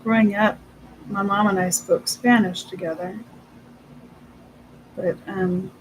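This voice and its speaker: Slow, halting chatter, switching between English and Spanish. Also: mid-range voice, steady tone, a little hiss or hum, low-quality recording. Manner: halting, trailing off mid-thought. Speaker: livestream host of an inking session. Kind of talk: casual chat.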